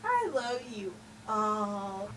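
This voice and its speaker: A woman's voice: medium pitch, big pitch swings, very slow, distant mic, background noise. A woman putting on a home puppet show, playful and giggly.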